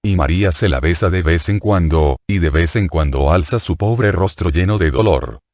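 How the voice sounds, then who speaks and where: A man reads a religious book aloud in a steady, even narration. His voice is very deep. The sound is dry and close to the mic. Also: normal speed, dry recording. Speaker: audiobook reader.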